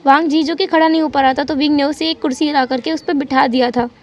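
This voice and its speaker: A woman telling a fan fiction story in an animated, dramatic way. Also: high-pitched, quick pace, dull audio. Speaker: channel storyteller.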